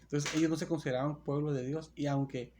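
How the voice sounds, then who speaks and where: A man's voice: on the high side, fairly even intonation, fast talker, a little mellow, a little hiss or hum. A man preaching a sermon in a church, reading Bible verses aloud and explaining them, often restarting and correcting himself. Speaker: pastor.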